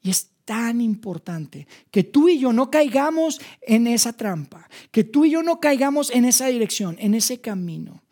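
A man preaching a sermon in a Mexican Spanish accent, pressing rhetorical questions and dropping into hushed tones. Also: very high-pitched, sing-song, normal speed, few pauses.

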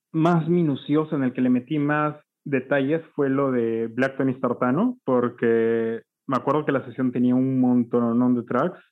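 A man talks casually about his mixing work, slangy and relaxed, often tagging his sentences with a question. His voice comes through a thin, narrow phone-like line at a middling pitch. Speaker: mixing engineer. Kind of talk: casual recollection.

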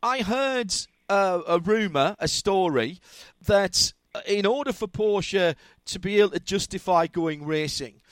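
Male interview host, enthusiastic and chatty, higher voice, dry studio sound. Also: animated, a little slow, no room sound. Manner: enthusiastic, conversational questioning. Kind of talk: motorsport interview.

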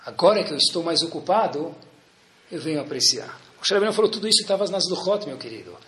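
Man, Brazilian accent, rabbi's Torah class, animated rhetorical questions, bright forceful tone, roomy echo. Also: fairly high pitch, fast talker. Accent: Brazilian Portuguese. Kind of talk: Torah lesson.

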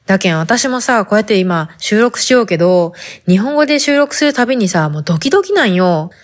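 A woman's voice: mid-range voice, sing-song, fairly quick. Chatty woman with a Hakata dialect. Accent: Hakata dialect Japanese. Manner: chatty, talking straight to the listener. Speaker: podcast host. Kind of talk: casual podcast monologue.

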